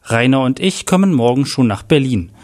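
A man's voice: medium pitch, lively intonation, normal speed, darkish tone, close to an everyday voice. A man voicing a polite, curious male friend calling on the phone in an audio story.

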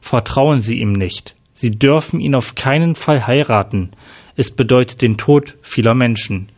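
A man's voice: medium pitch, a little slow, darkish tone. A man voicing a worried former police superintendent leaving an urgent voicemail warning. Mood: grave.

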